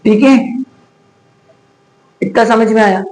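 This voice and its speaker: A man's voice: high-pitched, steady tone, takes it slowly, darkish tone, poor audio. A man teaching a physics class, chatty and teasing, scolding students to focus and mixing in English terms. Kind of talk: classroom lecture.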